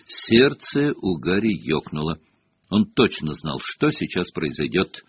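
A man narrating an audiobook with expressive storytelling. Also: sits low, measured pace, slightly rough. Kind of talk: audiobook reading. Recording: dull lo-fi cassette audio.

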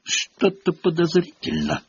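A man's voice: high-pitched, wildly swooping pitch, a little slow, a little hiss or hum, pitched above the performer's own voice, exaggerated voice. A man voicing a suspicious, grumpy old male caretaker who scolds and interrogates. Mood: scolding. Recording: dull lo-fi audio.

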